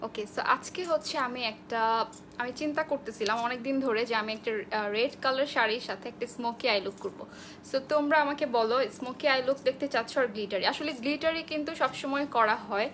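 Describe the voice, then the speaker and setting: A young woman from Bangladesh talks through a live-streamed makeup tutorial, greeting viewers by name as she works. Her voice sits high, and she slips English phrases into her talk. A faint hiss sits under the indoor recording. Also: fairly bright tone. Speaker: makeup artist hosting a live sale.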